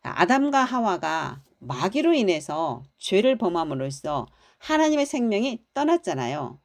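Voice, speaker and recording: Lively woman pastor preaching. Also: mid-range voice, unhurried. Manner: animated preaching, acting out quoted lines. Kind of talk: sermon.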